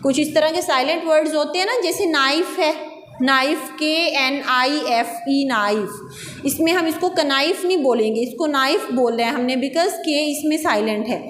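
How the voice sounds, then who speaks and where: High-pitched Pakistani woman teaching slowly. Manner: slow, patient dictation of words and meanings. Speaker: school English teacher. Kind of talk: classroom lecture to children. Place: classroom. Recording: echoey classroom, faint background noise.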